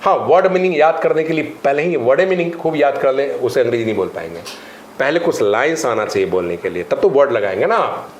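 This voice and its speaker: An Indian spoken English teacher talks emphatically in a podcast interview, mixing Hindi with English phrases and drills in an animated teaching style. His mid-range voice is brisk, and the echoey room carries faint ambient noise.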